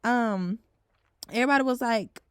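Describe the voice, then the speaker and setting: A woman's voice: on the high side, moderate pace, clean tone, no echo. A woman around twenty, talking frankly in a casual vlog, swearing now and then and saying "like" a lot. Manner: heavy use of filler "like". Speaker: vlogger.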